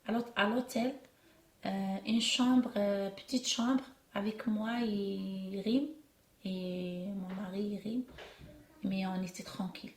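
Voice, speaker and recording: A middle-aged woman from Algeria, answering interview questions haltingly, with many restarts and trailing off softly. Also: medium pitch, steady tone. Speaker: interviewee, immigrant mother. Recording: echoey room with faint noise.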